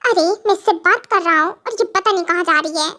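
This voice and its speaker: A woman's voice: extremely high pitch, brisk, pushed and bright. A woman voicing an exasperated young male professor who scolds his wife in a fan audio drama. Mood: scolding.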